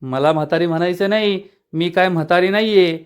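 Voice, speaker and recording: A man reading the lines of a feisty, scheming old woman, scolding in quick, sharp retorts. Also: sits high, clean tone, natural voice.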